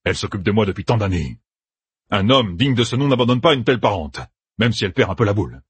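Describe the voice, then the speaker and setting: A man's voice: fairly low pitch, lively intonation, fast, husky, no echo. A man doing a grumbling one-eyed veteran. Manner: plaintive, grumbling objections. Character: grizzled one-eyed older soldier, grumbling.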